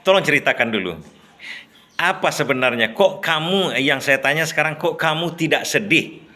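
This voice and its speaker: A man's voice: a little high, normal speed, bright, forceful tone. A man voicing a wealthy young elite man who questions in bewilderment. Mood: puzzled.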